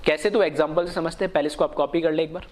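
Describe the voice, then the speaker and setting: A man teaching a chemistry lesson, asking questions and answering them himself, and dictating definitions slowly. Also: fairly high pitch, steady tone. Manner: slow, dictated English definitions. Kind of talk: online lecture.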